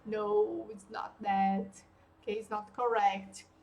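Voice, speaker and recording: A woman's voice: mid-range voice, level tone, takes it slowly, creaky, a little mellow, slight background noise. A woman teaching an online English lesson, patiently repeating words and checking in with her students.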